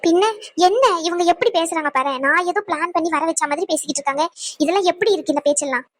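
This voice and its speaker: A woman's voice: very high-pitched, fast, no echo, studio quality. A woman voicing a defensive young woman friend in a cartoon, protesting and pleading. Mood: indignant. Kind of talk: cartoon voice acting.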